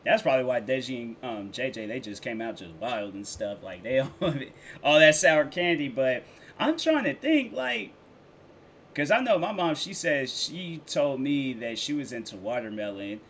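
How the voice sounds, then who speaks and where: A man's voice: medium pitch, animated, moderate pace, fairly bright tone, a little hiss or hum. A young American man giving casual, rambling reaction commentary on a video. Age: young adult. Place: small indoor room, headset on.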